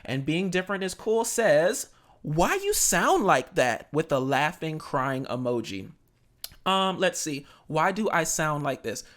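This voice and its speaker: High-voiced sassy man, podcast host. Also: a little slow. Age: 30s. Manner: animated, sassy, with playful exclamations. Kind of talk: casual solo podcast.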